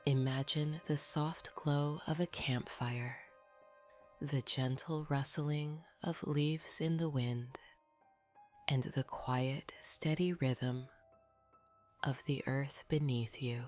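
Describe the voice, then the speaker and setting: Slow, low-voiced woman narrating sleep stories. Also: steady tone. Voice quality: soft, breathy, half-whispered. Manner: soothing, unhurried, gently guiding listeners to rest. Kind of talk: scripted bedtime sleep story narration. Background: background music.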